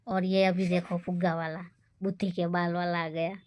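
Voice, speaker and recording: A middle-aged woman with a Gujarati accent chatting through a casual travel vlog on a phone camera, repeating herself and often dropping to a hushed whisper. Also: lowish voice, flat delivery, normal speed. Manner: chatty, repeats "look" over and over, mixes Gujarati and Hindi. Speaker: vlogger. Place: outdoors at a beach.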